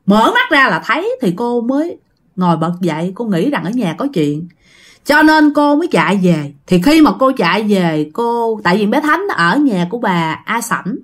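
A woman's voice: a little high, a bit bright. A woman telling a ghost story in a chatty way, often addressing her listeners.

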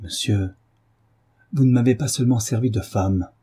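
A man reading a frightened but dignified young wife, pleading in a restrained way, with a husky, dark voice raised a little. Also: mid-range voice, normal speed. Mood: pleading, fearful.

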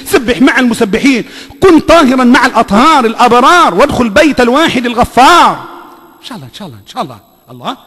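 A man's voice: extremely high pitch, a bit bright, in a large hall. A man with an Egyptian accent preaching a sermon, emphatic and repetitive, quizzing his listeners. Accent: Egyptian Arabic. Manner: emphatic, repeats phrases, quizzes the audience.

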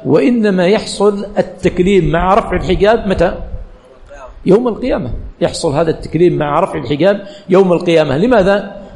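A man's voice: sits high, darkish tone, long reverb tail. A male religious teacher giving a classroom lecture, quizzing the students with questions that he answers himself and repeating key phrases.

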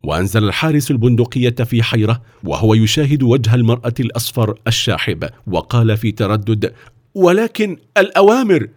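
A man narrating a children's story about famous people's childhoods in an expressive, dramatic way. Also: lowish voice, fast, no echo.

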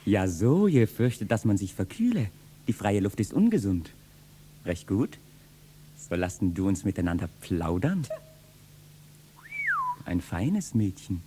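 Young kitchen boy, cheeky and loud, animated voice, 1960s radio drama. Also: fairly low pitch, measured pace, pauses often, slight background noise. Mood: teasing. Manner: lively, mocking, bursts into loud shouting. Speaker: actor in a radio play. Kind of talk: classic stage verse, 1960s radio play.

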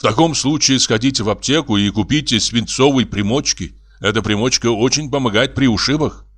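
A man's voice: medium pitch, brisk, a bit bright, natural voice. A man voicing a courtly male novelist with a flowery, pompous manner in an audiobook reading.

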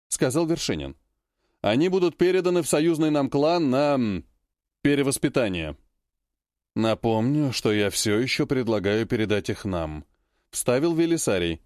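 A man narrating a fantasy audiobook and voicing each character with changes in pitch and pace. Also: a little mellow, dry recording, studio quality. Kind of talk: audiobook reading with character voices.

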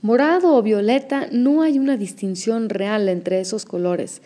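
A woman teaching an audio language lesson, explaining pronunciation slowly and carefully. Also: mid-range voice, dark tone.

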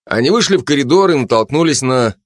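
A man narrating an audiobook in an expressive reading voice. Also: mid-range voice, fast talker, no room sound, studio quality. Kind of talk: scripted narration.

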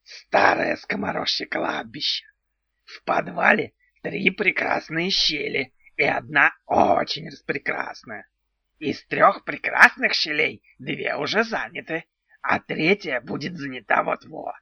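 An impish male house spirit from a storybook drawls his words slowly and strangely, always naming himself in the third person, as a man puts him on. His voice is gravelly and dry. The recording sounds dull and lo-fi. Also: fairly high pitch, very animated, no room sound, heavily acted. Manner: slow, odd, talks of himself in third person. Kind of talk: audiobook character voice.

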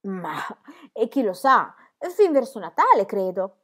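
A woman voicing an exuberant, carefree young girl who talks loudly and teasingly in a storybook reading. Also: medium pitch, very animated, a little slow. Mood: gleeful. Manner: loud, gleeful and teasing.

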